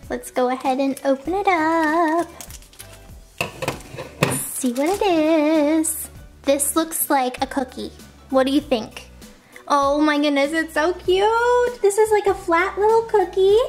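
A woman hosting a toy unboxing, gushing and cooing as she opens each little figure. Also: high voice. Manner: gushing, cooing over tiny toys. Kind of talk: excited toy unboxing chat.

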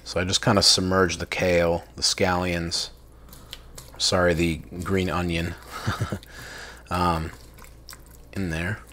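A man's voice: low-pitched, little pitch movement, slow pace, long pauses, sharp tone, slight background noise. A young adult man hosting a casual cooking vlog from his home kitchen, chatty and enthusiastic with lots of fillers. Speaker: cooking channel host.

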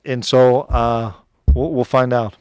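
A middle-aged man with an Upper Midwest American accent, a head football coach answering press questions after a game in a relaxed, plainspoken way, with many fillers and restarts. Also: medium pitch, slow pace, clear, resonant tone, no room sound. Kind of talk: postgame press conference answers. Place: press room in front of a sponsor backdrop. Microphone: table mic close in front.

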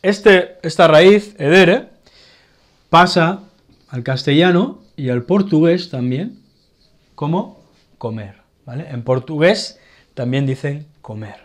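A man with a Spanish accent giving a casual grammar lesson, often pausing to check in with his learners. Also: on the high side, animated. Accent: Spanish from Spain. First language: Catalan. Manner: explanatory, checks in with frequent "vale". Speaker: Spanish teacher.

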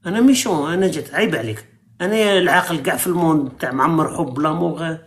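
A man's voice: a little high, fast talker. A man with an Algerian accent hosting a live stream, arguing and lecturing callers in a heated debate. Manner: argumentative, lecturing.

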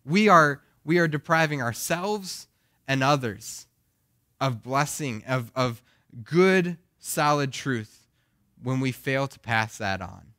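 A young male pastor preaching in an earnest, questioning way, his voice groggy. The tone is bright and forceful, and the sound is close and dry. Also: mid-range voice, lively intonation, takes it slowly, dry recording. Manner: earnest, asks the congregation questions. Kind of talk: sermon.

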